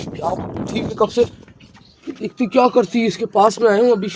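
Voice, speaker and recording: Talking at a moderate pace in a high voice, this vlogger shows off his pet hens outdoors, keeping up chatty commentary to his viewers as friends and getting worked up around the hen. Light background noise can be heard.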